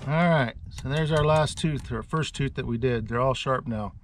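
Middle-aged man, plain-spoken outdoor instructor; close action-camera sound, steady background noise. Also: mid-range voice, normal speed, far from the mic. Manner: folksy, plain-spoken, self-correcting. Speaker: chainsaw instructor. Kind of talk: casual outdoor how-to demonstration. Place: outdoors in a rural yard.

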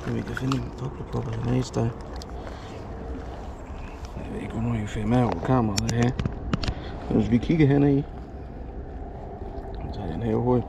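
Out by a lake with a head-mounted action camera, this man gives casual vlog narration of his fishing trip, chatting, rambling, and correcting himself. He has a mid-range, creaky voice with fairly even intonation and long pauses, and the background is noisy.

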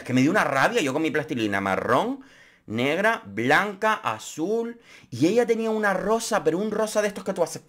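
A man's voice: a little high, fairly bright tone. A young man from Spain with a Spanish accent, giving a camp, sarcastic running commentary on a reality show and breaking into shrieks and mock voices. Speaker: youtuber commentator.

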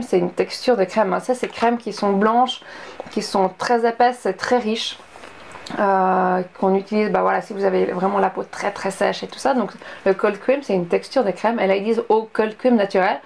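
A young woman from Switzerland talks through her finished beauty products in a relaxed, rambling vlog style. Her mid-pitched voice carries a little fry, and the recording has a faint hiss of background noise. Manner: chatty, many fillers and asides. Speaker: beauty vlogger. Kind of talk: casual product review vlog.

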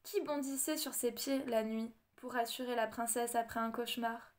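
A woman narrates a storybook audiobook in a measured, expressive read-aloud manner. Her voice sits high for a woman. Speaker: audiobook reader.

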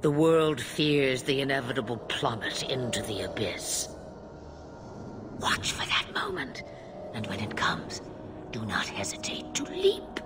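An ancient, cryptic dragon witch in a fantasy game. She speaks very slowly and portentously, with a breathy edge and wide swings of pitch. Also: big pitch swings, loud music behind the voice, exaggerated voice. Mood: solemn, cryptic. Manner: slow, deliberate, portentous. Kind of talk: video game voice acting.

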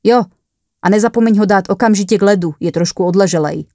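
A woman voicing a gruff but friendlier male ambulance driver who speaks in a matter-of-fact way. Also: mid-range voice, warm tone, no room sound, studio quality, natural voice.

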